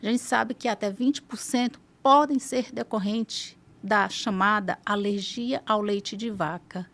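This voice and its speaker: A woman speaks with a Brazilian Portuguese accent and a voice of middling pitch. She is a pediatric specialist on a podcast, explaining in a measured, clinical way. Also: vocal fry, a bit bright. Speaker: pediatric gastroenterologist guest. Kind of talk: podcast interview.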